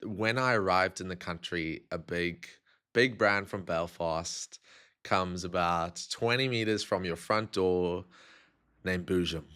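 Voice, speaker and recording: A man's voice: sits low, slow pace, sharp tone, clean tone. A man from South Africa hosting a podcast, affirming his guest and asking questions in casual chat. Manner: affirming, with frequent 'yeah' replies. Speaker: podcast host.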